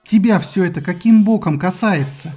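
A man's voice: high-pitched, moderate pace, dark tone, soft background music, natural voice. A man voicing a fussy goddess mother who scolds her son and fawns to a god, in a satirical audiobook. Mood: scolding. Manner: scolding shrilly, fawning to superiors.

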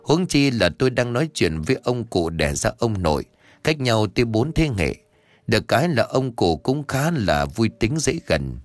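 A man narrating a first-person audiobook story in a lively way. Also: mid-range voice, moderate pace, dry recording.

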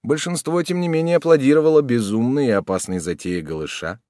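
A man narrating a classic novel aloud in a calm, measured voice. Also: medium pitch, dry recording, studio quality. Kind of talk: audiobook narration.

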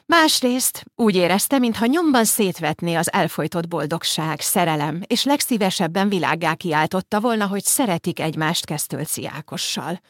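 A woman narrating an audiobook in a calm, measured storytelling manner. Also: lowish voice, no echo, clean studio sound. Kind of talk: scripted narration.

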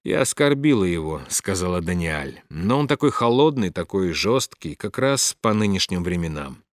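A man reading a sharp-tongued, scornful young woman in an audiobook. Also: low-pitched, big pitch swings, normal speed, no room sound, clean studio sound. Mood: cold, wary. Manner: cutting and blunt.

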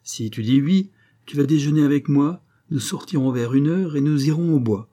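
Guy doing a bossy high-ish society lady in an audiobook, husky mellow tone. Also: lightly acted. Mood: brisk. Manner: brisk, domineering and knowing. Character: worldly, commanding woman of Paris society. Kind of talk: audiobook character reading.

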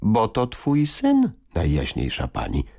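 A man voicing a young, admiring lady-in-waiting who gushes eagerly in hushed tones. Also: lowish voice, wildly swooping pitch, slow pace, creaky, pitched above the performer's own voice, exaggerated voice. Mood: gushing.

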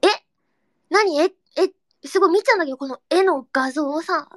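A young woman hosting a casual live audio chat, reading listener comments in a cutesy, excitable way and breaking into squeals and giggles. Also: very high-pitched, a little fast, no room sound, clean studio sound. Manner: cutesy, baby-talk endings.

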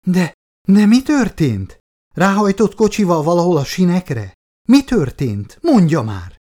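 A man voicing a young woman in shock at her husband's death in an audiobook, with shrill, desperate outbursts. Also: big pitch swings, dark tone, slightly rough. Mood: frantic. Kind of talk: audiobook character voice.

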